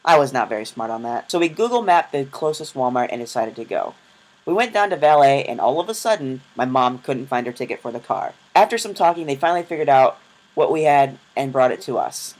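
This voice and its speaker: A man's voice: medium pitch, expressive, low-quality recording. A young man narrating his travel vlog in a casual, self-deprecating storytelling voice-over. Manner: chatty, self-deprecating, quick asides. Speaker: vlogger.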